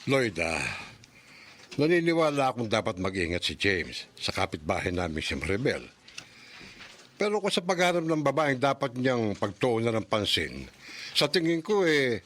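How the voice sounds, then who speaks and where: A wary middle-aged father in an old-style radio drama. His voice is mid-pitched and expressive, full of cautious suspicion.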